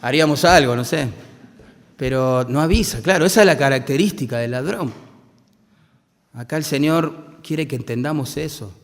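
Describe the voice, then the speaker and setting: Speaking at normal speed in a large church hall, a man with a slightly high voice and Rioplatense Spanish accent preaches as pastor. He keeps things conversational, asking the congregation rhetorical questions.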